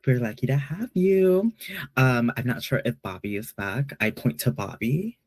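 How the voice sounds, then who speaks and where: A man's voice: medium pitch, lively intonation, normal speed, dry recording. Playful Peruvian-born man moderating a chat. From Peru. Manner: playful, chatty, hesitant fillers. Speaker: panel moderator. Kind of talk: casual online panel chat.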